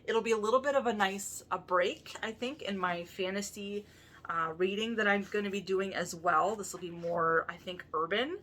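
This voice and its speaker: A woman with a bright, forward voice at a middle pitch talks casually to her viewers. Her lisp gives the s sounds a slushy edge. She is chatty and thinks out loud in the easy style of a book vlogger. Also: normal speed.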